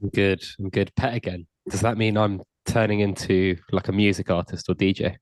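A man with a deep voice chats casually as a podcast co-host. The talk is informal football discussion. The sound is dry, with very little room to it. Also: flat delivery, brisk, a little mellow, dry recording.

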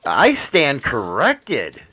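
Guy hosting a podcast, teasing and swearing, voice jumps all over, pretty bright and sharp. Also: mid-range voice, extremely slow, husky. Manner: animated, teasing, profane. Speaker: podcast host. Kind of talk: casual podcast banter.

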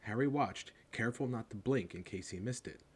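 A man narrating a storybook in an expressive, animated reading, heard over a steady hum. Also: mid-range voice, brisk, slightly rough. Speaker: audiobook narrator.

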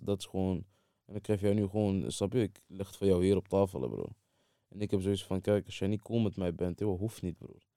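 A man's voice: sits low, warm tone, no echo, clean studio sound. A man with a Moroccan-Dutch street accent chatting casually as an interviewed artist, his speech full of street slang, bro and wallah. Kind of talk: casual chat.

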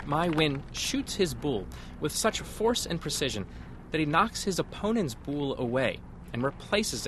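A man's voice: medium pitch, fairly bright tone, slight background noise. A man reporting for public radio, moving between scripted feature narration and field interviews.

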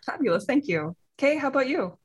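Husky woman hosting a podcast. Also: sits high, lively intonation, fairly quick. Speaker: podcast host. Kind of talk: conversational interviewing.

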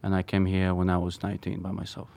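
A man from Poland with a Polish accent, a knife maker speaking hesitantly with many pauses in a studio interview. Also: sits low, completely flat delivery, gravelly, darkish tone. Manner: hesitant, halting, many ums.

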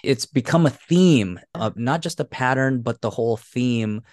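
Male co-host, easygoing casual chat, mid-pitched voice, dry close mic. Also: normal speed, darkish tone, dry recording. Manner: easygoing, agrees often, acts out quotes with laughs. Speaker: podcast co-host.

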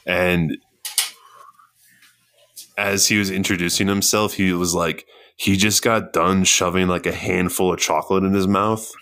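A man co-hosting a podcast, chatting casually and telling stories in a relaxed way. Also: low-pitched, measured pace. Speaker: podcast co-host. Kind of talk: casual chat.

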